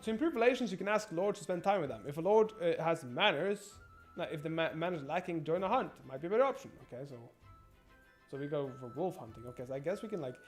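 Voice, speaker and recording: A fairly high-voiced man streaming a colony sim game, talking casually, swearing constantly and tripping over his words. Faint game music plays underneath. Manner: profane, rambling, stammers and repeats himself. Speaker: gaming streamer. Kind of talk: casual gameplay commentary.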